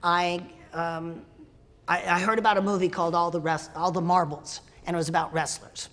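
A woman guest, an actress and stuntwoman, telling lively anecdotes and acting out other people's lines. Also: lowish voice, normal speed. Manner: animated, acts out other people's voices. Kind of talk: storytelling interview. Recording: long hall reverb.

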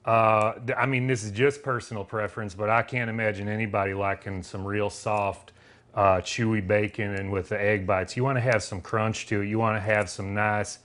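A man's voice: on the low side, fairly bright tone. A man with a Southern accent casually demonstrating a recipe in his kitchen, talking in a folksy, rambling way with loose grammar and plenty of filler words. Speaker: home cook demonstrating a recipe.

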